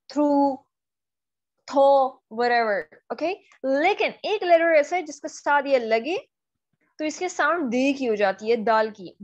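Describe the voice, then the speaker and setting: A Pakistani woman with a high voice gives an online English pronunciation lesson. She mixes Urdu and English and drills each word slowly so students can repeat it. The audio is a little dull and lo-fi.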